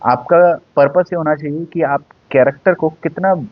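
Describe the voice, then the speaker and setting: A man's voice: a little high, normal speed, no echo. Man, acting teacher, chatty explainer who keeps checking in; dry, slightly muffled recording. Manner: conversational, mixes Hindi and English, frequent checking "है ना?". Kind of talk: casual Hindi-English lesson. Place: indoors, seated.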